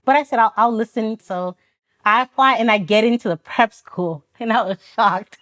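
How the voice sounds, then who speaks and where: Her pitch is fairly high and a bit bright, at normal speed. Appearing on a podcast, this Florida-born Army officer, a native Haitian Creole speaker, recounts her life earnestly and thoughtfully, quoting what people said and laughing frequently.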